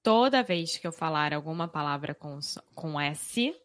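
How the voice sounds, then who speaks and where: A woman's voice: low voice, expressive, normal speed, dry recording, studio quality. A woman with a Rio de Janeiro accent, a Portuguese teacher chatting casually and explaining pronunciation with example words. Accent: Carioca (Rio de Janeiro) Brazilian.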